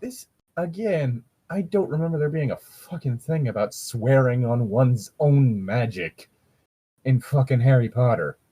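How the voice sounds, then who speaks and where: A man co-hosts a podcast, casually reading fan fiction aloud and mocking it, swearing freely and griping in a dry way as he tears it apart. His voice is medium-pitched, animated and unhurried, with a dark tone and a breathy edge.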